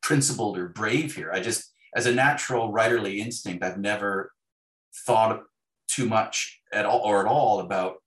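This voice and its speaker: This man, a guest in an interview, thinks aloud in a hesitant, self-correcting way, often restarting his phrases. He has a lowish, fairly bright voice at a moderate pace, and the sound echoes as if in a large room.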